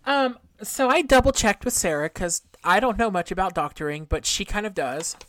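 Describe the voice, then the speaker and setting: Here a podcast host tells a true-crime tale from notes in a chatty manner, adding offhand remarks and stumbling a bit on her Rs. She speaks at medium pitch, animated, at a normal speed.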